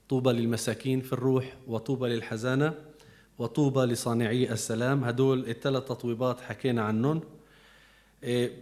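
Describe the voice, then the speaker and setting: A man's voice: medium pitch, a little mellow. A man with a Levantine Arabic accent, giving a conversational Bible teaching as a preacher, explaining patiently and repeating key words.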